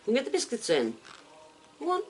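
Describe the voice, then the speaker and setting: A woman's voice: on the high side, wildly swooping pitch, fairly quick, background noise. A woman at home, coaxing and praising her pet bird in a sing-song baby-talk voice. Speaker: pet owner. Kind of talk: casual chat to a pet bird. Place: indoors at home.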